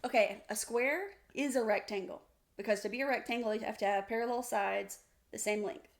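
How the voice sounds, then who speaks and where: Woman podcast co-host, gravelly, firm and explanatory in argument. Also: a little high, steady tone, brisk. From United States. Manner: insistent, explains by analogy. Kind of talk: casual debate.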